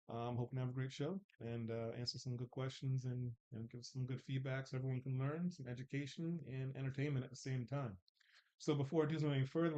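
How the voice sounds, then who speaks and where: A man's voice: mid-range voice, warm tone, lo-fi sound. A man in his forties hosting a live dating panel show in a loose, joking way, with filler words and restarts. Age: 40s. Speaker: host.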